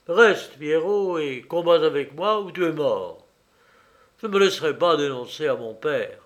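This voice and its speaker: A man's voice: a little high, animated, measured pace. A man reading a storybook aloud, voicing a scheming, hot-tempered prince who commands and threatens. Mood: furious. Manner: commanding, shouting in anger.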